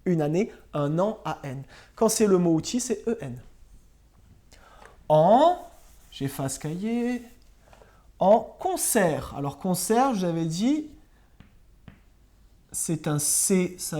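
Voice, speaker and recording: Patient schoolteacher, a woman, spelling words out slowly for children; low, mellow and animated. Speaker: primary school teacher. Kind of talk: recorded remote spelling and grammar lesson.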